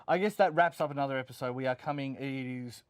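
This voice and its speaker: An Australian man hosts a video game review show, chatting casually and unscripted. He speaks haltingly and repeats words as he goes. His voice is mid-range and the recording has no echo.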